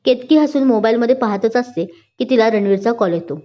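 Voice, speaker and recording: A woman storyteller giving steady, scripted narration of a story. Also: on the high side, brisk. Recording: dull lo-fi recording.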